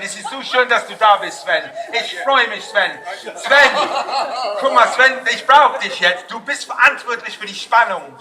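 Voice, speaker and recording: A man working as a street performer, joking loudly with a festival crowd in broken German mixed with English, often shouting. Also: very high-pitched. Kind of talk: live street show banter with the crowd. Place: outdoor town square at a street festival. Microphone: no mic, filmed from a distance. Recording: distant outdoor camera audio with crowd and noise.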